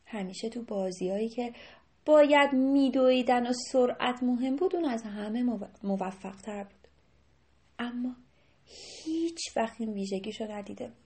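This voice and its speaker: A woman storyteller reading a tale to children, animated and often speaking to them directly. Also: fairly high pitch.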